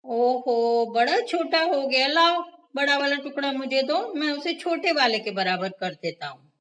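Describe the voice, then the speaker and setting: A woman's voice: high voice, animated, measured pace, a bit bright, recorded from a distance, voice pushed up. A woman voicing a sly, greedy male monkey in a children's story, coaxing and sweet-talking.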